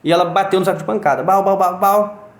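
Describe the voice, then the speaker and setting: A father appears as a guest and tells a story in casual conversation, his high-pitched voice moving fast. He acts out sounds and quotes as he goes, and the recording has a roomy echo.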